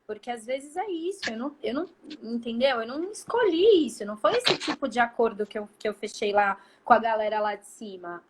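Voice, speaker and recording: A woman's voice: fairly high pitch, lively intonation, brisk, a little hiss or hum. A woman in her thirties with a Brazilian Portuguese accent, a therapist telling her story in casual chat with lots of fillers, over a video call. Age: 30s. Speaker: guest therapist.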